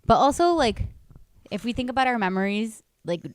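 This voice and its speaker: A woman's voice: a little high, expressive, brisk, smooth, dry recording. A woman co-hosting a podcast in casual chat, chatty and laughing, swearing freely. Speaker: podcast co-host.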